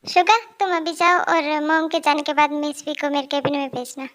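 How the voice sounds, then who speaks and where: A cheeky young company boss who barks orders at his assistant and whines like a baby to his mother, voiced by a woman in a fan audio drama. The voice sits very high. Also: level tone, moderate pace, a bit bright. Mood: bossy. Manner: bossy at work, pleading and babyish with his mother.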